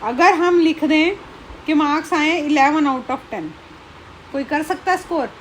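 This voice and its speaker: A woman's voice: high-pitched, slight background noise, poor audio. A woman teaching a school math lesson, explaining patiently, checking in often and counting items aloud one by one.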